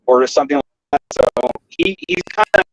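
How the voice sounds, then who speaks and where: A man calling in to a podcast from his car, speaking in a halting, hesitant way during casual sports chat. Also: a little high, dry recording. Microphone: phone call. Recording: dull lo-fi phone line.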